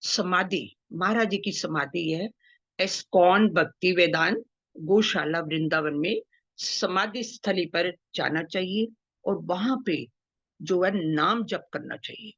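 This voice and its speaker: Woman telling devotional stories, earnest and gently emphatic, dull dry lo-fi sound. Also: fairly low pitch, slow, dry recording. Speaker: devotional speaker. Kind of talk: devotional storytelling talk.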